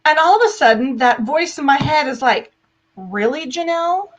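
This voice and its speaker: A woman's voice: sits high, brisk. An American woman telling personal stories as an interview guest, in an emphatic, irreverent way, often acting out dialogue. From United States. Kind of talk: animated personal storytelling in a live interview.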